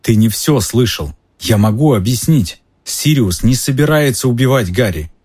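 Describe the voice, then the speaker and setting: A man reading aloud and voicing a calm, gentle male teacher who speaks softly but insistently. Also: mid-range voice, normal speed, slightly rough, voice pushed up. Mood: calm pleading. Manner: soft, insistent.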